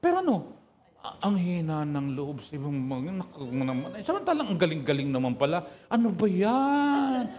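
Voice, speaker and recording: A man's voice: a little high, brisk. A male pastor from the northern Philippines preaching a sermon, telling stories and calling for amens from the congregation. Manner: animated storytelling, calls for amen from the congregation.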